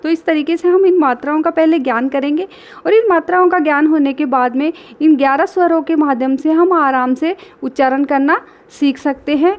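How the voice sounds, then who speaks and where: A woman with a high voice teaches a children's reading lesson. She sounds out each syllable slowly and patiently and keeps talking straight to the kids. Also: dull audio. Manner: addresses children directly.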